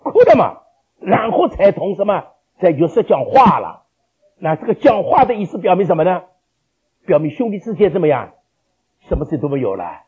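Animated preacher man, husky lo-fi recording. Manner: animated, rhetorical questions, dramatic swings in pitch and loudness. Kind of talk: sermon. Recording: lo-fi dull recording.

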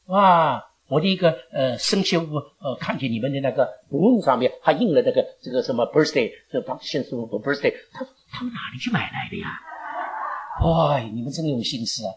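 An older woman speaking to her church congregation, animated and rambling, laughing often and slipping in English phrases. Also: rumbling low, fairly quick. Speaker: elderly church member giving thanks. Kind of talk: emotional speech to a congregation. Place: church gathering.

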